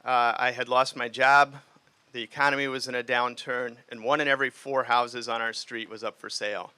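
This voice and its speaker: A man's voice: medium pitch, little pitch movement, normal speed, pushed and bright, clear, resonant tone, no room sound. Earnest man giving a campaign speech. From Liberia. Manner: earnest, speaks off the cuff with fillers. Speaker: mayoral candidate. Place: outdoors in the rain.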